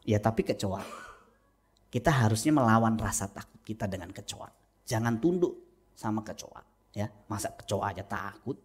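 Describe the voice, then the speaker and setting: A middle-aged man, a pastor, preaching a humorous sermon in a church, telling stories with lively acted-out quotes. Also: lowish voice, moderate pace, slightly rough. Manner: animated storytelling with acted-out quotes. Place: church sanctuary.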